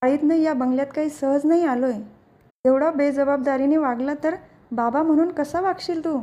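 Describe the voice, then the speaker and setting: A woman's voice: high-pitched, normal speed, mellow, highs cut off, close to an everyday voice. A woman reading a furious proud father. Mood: angry. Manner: scolding, stern. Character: angry proud middle-aged father, business owner.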